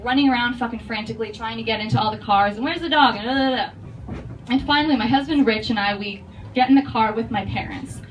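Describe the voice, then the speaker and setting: A woman comedian telling a long stand-up story with animated, profane delivery that breaks into loud shouts. Her voice sits fairly high. The mic is far off and steady noise hangs behind her. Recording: distant mic, noisy.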